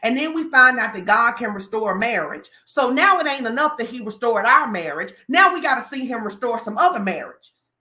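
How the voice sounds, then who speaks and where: Fast-ish and sharp, a woman's fairly high voice rises and falls with lively intonation as she preaches with fervor. The echoey church hall rings with her declarations and commands in a call-and-response cadence.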